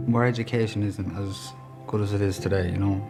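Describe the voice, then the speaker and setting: An Irish man with a deep, low voice tells his own story in a documentary interview, reflective and candid. Music plays clearly behind him. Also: fairly even intonation, a little fast. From Ireland.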